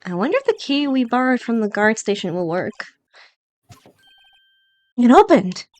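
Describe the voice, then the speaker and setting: A woman's voice: fairly high pitch, big pitch swings, normal speed. A woman playing a wry young male lawyer. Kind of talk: fan voicing of a game.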